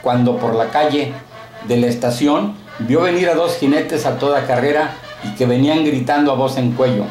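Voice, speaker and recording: A man's voice: medium pitch, normal speed, a little mellow, faint music behind. Man with narrating a story. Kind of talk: reading a short story aloud. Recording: echoey room.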